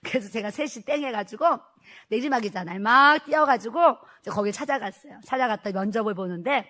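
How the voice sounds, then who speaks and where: A middle-aged woman pastor giving a personal testimony sermon, telling her story in a lively way and acting out the dialogue. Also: medium pitch, fast talker.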